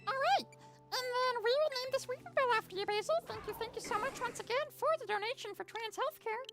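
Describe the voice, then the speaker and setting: Squeaky helium voice. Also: male voice, a little fast, over loud music. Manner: chatty, reading out chat, easily squeamish. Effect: helium-pitched voice. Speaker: livestreamer. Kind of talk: casual livestream chat.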